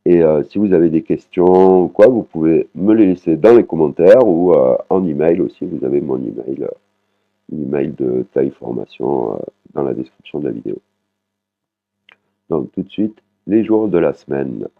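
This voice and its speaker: Very deep-voiced man teaching over a tinny line. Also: expressive, creaky. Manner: patient explaining, with frequent "hein" tags and slow repeated Thai words. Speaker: Thai language teacher. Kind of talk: online language lesson. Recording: muffled, phone-like sound.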